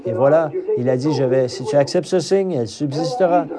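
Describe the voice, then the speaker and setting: A man's voice: a little high, a little fast. A man preaching a sermon with emphatic delivery, rising to cries on key phrases. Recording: crowd audible behind.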